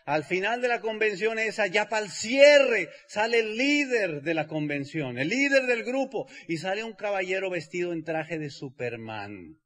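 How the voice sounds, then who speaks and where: A man with a Mexican accent telling a personal story to an audience in an animated way, acting out the people he quotes with comic emphasis. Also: high-pitched, normal speed, few pauses. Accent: Mexican Spanish. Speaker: speaker.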